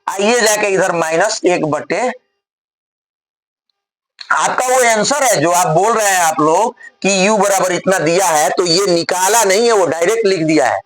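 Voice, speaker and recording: A man's voice: high voice, unhurried, a bit bright, low-quality recording. A male physics teacher solving a problem on the board step by step in a classroom lecture, often checking whether his students follow.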